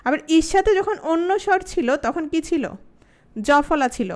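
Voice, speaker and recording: High-voiced Bangladeshi woman teaching a grammar class. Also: animated. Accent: Bangladeshi Bengali. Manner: asks many questions, repeats words slowly. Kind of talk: online class lecture.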